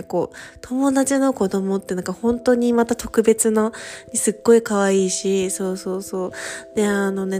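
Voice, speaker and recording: Chatty thirties woman host, casual solo radio talk, mid pitch, faint music behind. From Japan. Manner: chatty, many fillers, soft laughing asides. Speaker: podcast host, study-abroad coordinator. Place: home in Paris.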